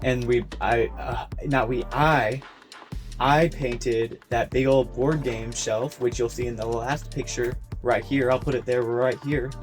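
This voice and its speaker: A man's voice: medium pitch, fairly even intonation, unhurried, soft background music. Goofy rambling young man in his room. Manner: goofy, rambling, self-mocking asides. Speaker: vlogger. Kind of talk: casual year-recap vlog. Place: his bedroom.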